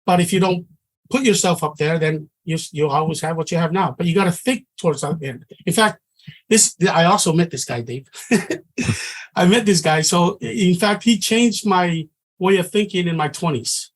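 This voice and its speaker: This trading class is taught by a middle-aged man from Samoa whose high voice moves at a moderate pace. He keeps things earnest and conversational, regularly beginning his sentences again.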